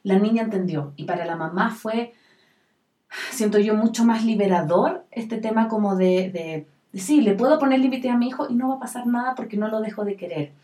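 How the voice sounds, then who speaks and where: Calm woman in an echoey room. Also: on the high side, a little fast. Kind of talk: casual chat. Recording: roomy echo, distant mic.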